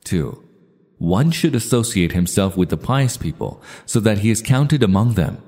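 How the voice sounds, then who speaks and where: Deep, mellow man reading in a reverberant hall. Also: sing-song. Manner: measured, formal recitation. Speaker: reader of religious texts. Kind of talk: scripted reading with commentary. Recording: long reverberant hall sound.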